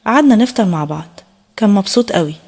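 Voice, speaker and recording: A woman with an Egyptian Arabic accent tells a first-person story in scripted narration. She reads at a brisk pace with a husky, breathy voice and keeps an intimate, even delivery. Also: mid-range voice.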